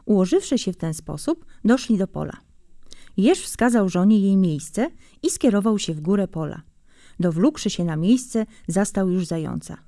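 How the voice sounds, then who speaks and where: A woman reading a fairy tale aloud in a calm, measured storytelling manner. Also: medium pitch, no echo, studio quality. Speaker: audiobook reader.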